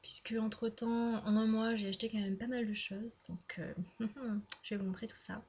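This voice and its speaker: A woman's voice: fairly high pitch, fairly even intonation, moderate pace, slight background noise. A young woman chatting casually to her viewers, rambling along with many fillers and restarts. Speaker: YouTuber. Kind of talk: casual chat to camera. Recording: dull lo-fi home video sound.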